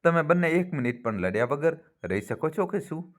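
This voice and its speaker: A man's voice: fairly high pitch, big pitch swings, normal speed, pitched above the performer's own voice. A man reading as a fond older mother. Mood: fond, teasing. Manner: warm motherly teasing. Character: affectionate older mother, gently scolding.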